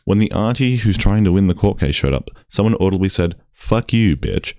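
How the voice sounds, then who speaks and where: A man's voice: low-pitched, animated, fast talker, dark tone, no echo, studio quality. A young man, ranting casually in a vlog, exasperated and swearing often. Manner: exasperated, swears often, mimics crowd voices. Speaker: YouTuber.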